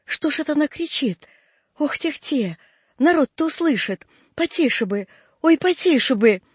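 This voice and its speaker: A man's voice: very high voice, expressive, normal speed, dry recording, voice pushed up. Guy putting on a scared older village woman, muttering and begging, dry sound. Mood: alarmed pleading. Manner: muttering, fretful, pleading. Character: frightened older peasant woman, timid and pleading.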